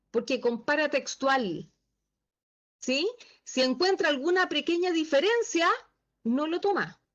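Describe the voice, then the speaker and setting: Woman, high pitch, patient online teacher, dull video-call sound. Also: a bit bright. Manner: patient, asks the class checking questions. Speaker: Excel instructor.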